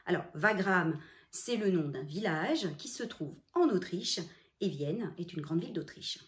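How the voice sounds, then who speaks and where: Slow, lively-voiced woman teaching handwriting. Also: on the low side. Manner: slow, step-by-step explaining, addressing the child as "tu". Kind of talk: handwriting lesson for young children. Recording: roomy, echoey room.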